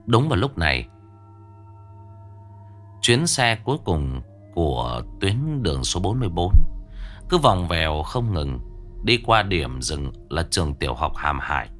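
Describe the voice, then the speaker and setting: Deep-voiced man narrating a ghost story. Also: very animated, a little slow, pauses often, a bit bright, faint music behind.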